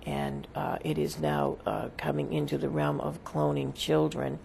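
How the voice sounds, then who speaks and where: Seance medium channeling, gravelly fry, halting solemn delivery, formal phrasing, faint background noise. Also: medium pitch, expressive, a little mellow. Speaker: seance medium, trance channeler speaking as a spirit. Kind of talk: seance medium trance channeling, answering questions as a spirit.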